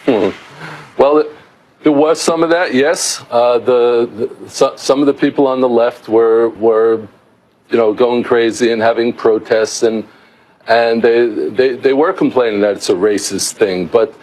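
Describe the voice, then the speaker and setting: A man's voice: medium pitch, unhurried, a little mellow, poor audio. A middle-aged American-raised man, an author, giving a remote news interview in an explanatory way with many restarts. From United States. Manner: explanatory, with frequent restarts and fillers.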